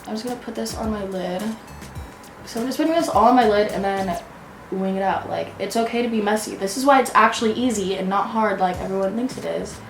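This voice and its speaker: A woman's voice: mid-range voice, a little fast. A young woman giggling tipsily as she chats casually through a makeup tutorial. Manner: giggly, tipsy. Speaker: makeup vlogger. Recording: echoey room with background music.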